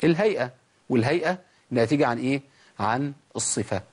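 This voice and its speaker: A man with an Egyptian Arabic accent teaching a tajweed lesson, who asks questions, answers them himself, and drags out letter sounds slowly to demonstrate them. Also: mid-range voice, animated, a little mellow, slightly rough. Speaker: Quran recitation teacher.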